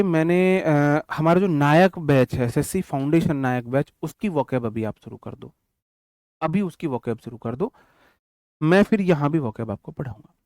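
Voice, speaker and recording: A young man with a fairly high, slightly mellow voice teaches English grammar in an online exam-prep lecture, explaining in Hindi mixed with English terms. He talks to students directly in a casual, chatty way, repeating and counting out examples, and the recording has no room sound.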